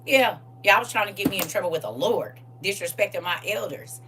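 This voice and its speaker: A woman in her forties hosting a casual livestream, animated and teasing as she reads viewer comments aloud. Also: mid-range voice, a little fast, far from the mic, slight background noise.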